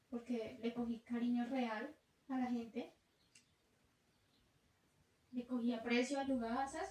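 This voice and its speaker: High and warm, this young woman's voice carries a Colombian Spanish accent as she muses about travel in a casual vlogger chat. She's talkative and thoughtful, and laughter comes easily to her. Faint noise sits under the echoey room sound.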